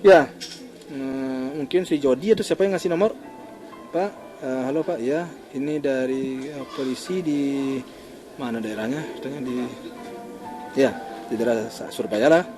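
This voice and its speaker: Older man recounting haltingly over music. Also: medium pitch. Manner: halting, with many pauses and fillers. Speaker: interviewee, father of the deceased. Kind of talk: emotional recounting in an interview. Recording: music bed under the voice.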